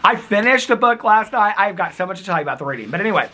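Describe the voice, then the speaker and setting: Out in wind and snow, a man vlogs casually, rambling and giggling through animated stories. His husky, crackly voice sits high and races along in this chatty clip.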